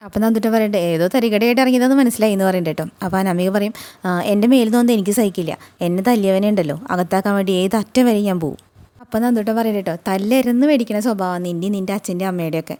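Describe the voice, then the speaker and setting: A woman hosting a recap channel, retelling a TV serial episode in a rapid, chatty way and often adding little tag words. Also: mid-range voice, mellow.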